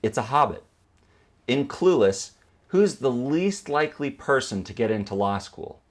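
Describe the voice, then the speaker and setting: This male film editing teacher guides viewers step by step through an instructional video, raising questions and answering them in turn. He has a mid-range, expressive voice and keeps a measured pace.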